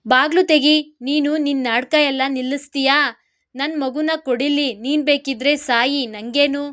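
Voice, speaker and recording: A woman's voice: high voice, measured pace, darkish tone. A woman voicing an angry, impatient young husband who snaps out commands.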